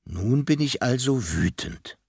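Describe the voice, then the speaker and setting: A man voicing a puzzled, gentle male hedgehog in a children's audiobook, wondering and exclaiming. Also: mid-range voice, lively intonation, unhurried, gravelly, breathy edge, dry recording, clean studio sound, full character voice. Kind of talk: audiobook character voice.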